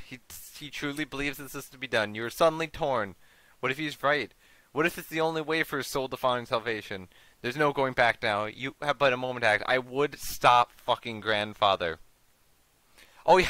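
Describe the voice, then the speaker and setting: A man playing a story game, reading its text in a measured voice and breaking off for swearing asides. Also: medium pitch, sharp tone, smooth, no echo, low-quality recording. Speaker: gaming channel host. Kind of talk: reading game text aloud with cursing commentary.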